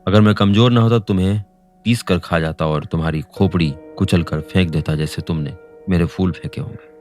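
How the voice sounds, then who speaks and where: A man's voice: low voice, a little fast, darkish tone, soft background music, lightly acted. A man voicing a frail, sickly old man who pants and whines in sobbing complaints. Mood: whining, sobbing. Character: frail sick old man, panting and weepy.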